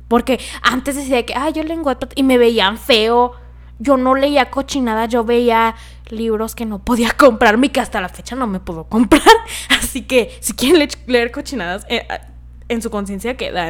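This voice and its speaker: A young woman hosting a casual advice monologue, affectionate and chatty, often laughing and sometimes dropping to a soft murmur. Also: fairly high pitch. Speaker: podcast host.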